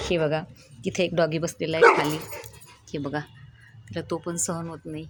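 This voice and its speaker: Woman coaxing her dog over loud noise. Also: sits low, level tone, moderate pace. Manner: coaxing baby-talk to her dog, switching to chatty asides to viewers. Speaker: vlogger filming her pet dog. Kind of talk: casual home vlog. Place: at home, by the doorway. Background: dog barking.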